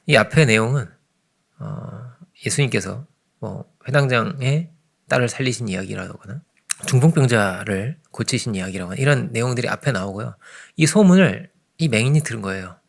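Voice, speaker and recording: A man delivers an early morning sermon in a loose, talking style, keeps asking his listeners to agree, and drops suddenly from raised emphasis to hushed murmurs. His mid-pitched voice has a rough, gravelly edge. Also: lively intonation, normal speed. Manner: conversational preaching, frequent "그죠?" asides, sudden swings between loud and hushed. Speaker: pastor.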